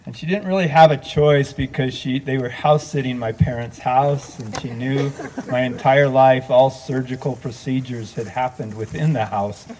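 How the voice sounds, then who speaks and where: A man, a multi-faith minister, speaking gently and from the heart at a memorial service, telling a story and leading a prayer. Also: medium pitch, moderate pace, a little hiss or hum, rough recording.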